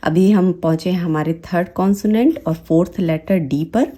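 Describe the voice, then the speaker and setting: A woman with a Hindi accent, teaching English phonics. She says each example word slowly and repeats it several times. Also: lowish voice, warm tone. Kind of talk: slow, deliberate teaching with repeated example words.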